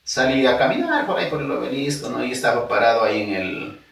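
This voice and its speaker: A man from Ecuador with an Ecuadorian highland Spanish accent, a podcast guest telling his life story in a casual, animated way and acting out remembered dialogue. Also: quick pace, gravelly. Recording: echoey room, distant mic.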